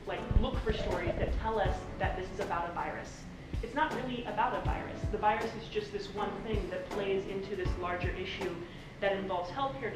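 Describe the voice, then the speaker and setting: American woman, rushed talk in echoey hall. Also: medium pitch. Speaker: speaker giving a lightning talk. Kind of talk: informal conference talk. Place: echoey presentation room. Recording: echoey hall, distant pickup, music flagged behind.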